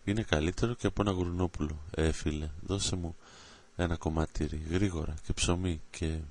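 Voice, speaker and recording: A dim-witted, ever-hungry boy from a storybook, put on by a man reading aloud. He mumbles in a deep, drowsy voice. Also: steady tone, a little mellow. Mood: dreamy.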